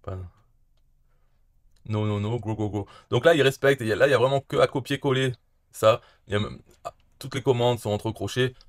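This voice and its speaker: A man's voice: mid-range voice, brisk, long pauses, no echo, studio quality. A man talking through a casual screen tutorial, hesitant, with frequent fillers and restarts. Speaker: tutorial presenter.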